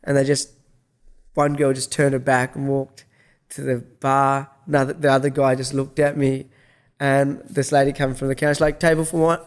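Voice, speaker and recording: A man's voice: medium pitch, completely flat delivery, moderate pace, smooth. Rambling man telling a story. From Australia. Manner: rambling, frequent restarts and swearing, acts out dialogue. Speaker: vlogger. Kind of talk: casual storytelling monologue.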